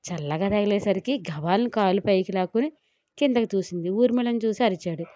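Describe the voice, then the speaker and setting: A woman narrating a romance story in a steady storytelling manner, on a slightly dull recording. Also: medium pitch, fairly quick.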